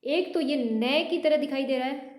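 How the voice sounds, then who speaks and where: High-voiced woman teaching pronunciation. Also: a little mellow, roomy sound. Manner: patient, repeats words slowly for learners. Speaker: Hindi teacher. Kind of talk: classroom lesson on pronunciation.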